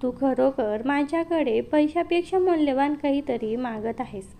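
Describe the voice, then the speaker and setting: A woman's voice: sits high, moderate pace, warm tone. A woman voicing a tearful pleading elder sister. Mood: hushed resigned.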